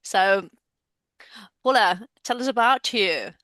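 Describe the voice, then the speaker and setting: Spanish-speaking woman teacher, bright clear voice, gushing intros, dry close mic. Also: mid-range voice, expressive, slow pace, no room sound. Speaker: English teacher and host. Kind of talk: hosting a conversation class.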